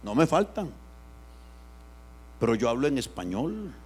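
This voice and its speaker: A man pastor, preaching an animated sermon that swings from loud outbursts to hushed asides. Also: medium pitch, unhurried, slightly rough.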